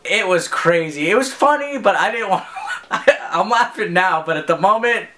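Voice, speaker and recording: A man's voice: high-pitched, expressive, normal speed, pushed and bright. A man casually recounting a trip story, amused. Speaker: show regular. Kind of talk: casual chat.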